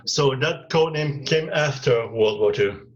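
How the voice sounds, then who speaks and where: A man's voice: medium pitch, unhurried. A man hosting an interview, asking questions hesitantly and searching for words, on dull lo-fi audio. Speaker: host.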